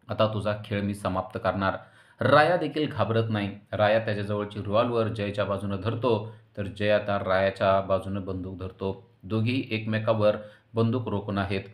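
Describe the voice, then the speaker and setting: A man tells a TV serial episode as a dramatic recap voice-over. His voice sits fairly low, and he tells the scenes as a story.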